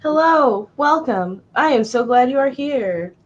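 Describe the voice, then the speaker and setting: In lo-fi sound, an unhurried woman with a fairly high voice co-hosts a live writing stream. She keeps it casual and animated, cracking jokes and reading viewer comments out loud.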